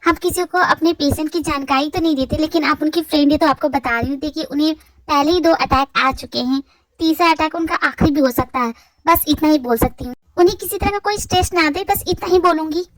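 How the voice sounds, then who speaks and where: A woman voicing a calm, professional female doctor giving careful advice. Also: high voice, no echo, lightly acted. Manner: measured, professional.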